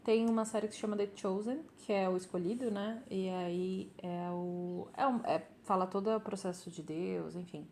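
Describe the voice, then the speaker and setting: A woman hosts a podcast conversation, speaking gently with frequent pauses and fillers. Her voice sits in an ordinary middle range. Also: medium pitch, steady tone, slight background noise. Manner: gentle, hesitant, many fillers. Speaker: podcast host. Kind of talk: casual interview conversation.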